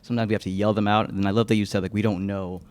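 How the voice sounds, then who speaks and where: A man's voice: fairly low pitch, level tone, very fast, a little mellow. A man hosting a podcast, enthusiastic and appreciative in casual conversation. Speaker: podcast host. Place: library room.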